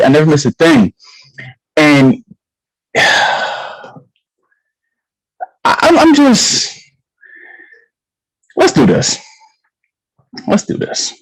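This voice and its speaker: A man hosting an online league talk show, talking in an animated, slangy way and repeating himself as he builds hype. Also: on the high side, no echo, poor audio. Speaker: show host.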